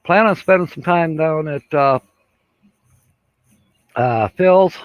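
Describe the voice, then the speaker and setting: Speaking slowly in a voice on the high side, an older man chats through a casual live stream. He reads viewer comments aloud, rambling and chuckling with many fillers. The dull, lo-fi recording has no room sound.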